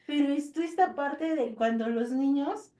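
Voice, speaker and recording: A woman with a Mexican Spanish accent, co-hosting a parenting podcast as a psychologist, telling a story with laughs and high-pitched child quotes. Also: unhurried, mellow, reverberant, far from the mic. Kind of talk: casual podcast chat.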